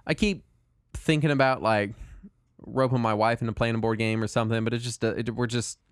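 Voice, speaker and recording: A man in his thirties talks casually on a podcast in a dry, close recording. He that he keeps in check. His delivery is hesitant and rambling, at a middling pitch. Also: steady tone, brisk, no room sound. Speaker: podcast co-host. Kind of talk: casual chat.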